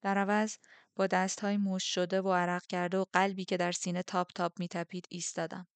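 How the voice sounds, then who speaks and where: Woman audiobook narrator, low voice, dry close sound, steady first-person reading. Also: dry recording.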